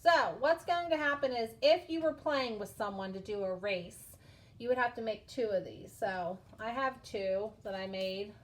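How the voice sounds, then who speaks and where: A woman's voice: on the high side, moderate pace. A woman teaching a craft lesson to preschool children in a patient, sing-song way. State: out of breath from blowing through a straw.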